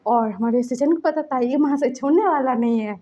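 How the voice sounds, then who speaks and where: A woman's voice: high-pitched, brisk, mellow, muffled recording. A woman casually retelling a fan-fiction story in a chatty, loose way, full of fillers.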